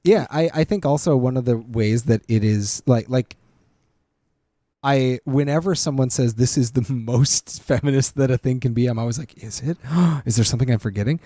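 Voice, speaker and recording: A man co-hosting a casual movie podcast, animated and quick to laugh, often trailing off and restarting. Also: medium pitch, dry recording, clean studio sound. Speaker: podcast co-host.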